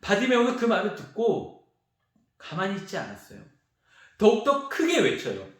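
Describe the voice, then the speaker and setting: A male youth pastor preaching a sermon to teenagers, telling the story with animated energy and acting out the voices of the crowd and the beggar. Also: high-pitched, moderate pace. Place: large church sanctuary. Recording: very echoey church hall.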